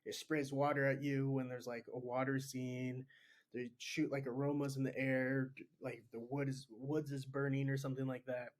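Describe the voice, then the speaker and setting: A man who is a podcast guest, telling stories in casual chat in an animated way and laughing easily. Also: medium pitch, normal speed.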